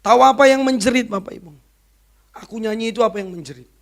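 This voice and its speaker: A woman evangelist giving an emotional sermon testimony to a church congregation, swinging from loud to hushed. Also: fairly high pitch, quick pace. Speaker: evangelist preacher. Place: church service.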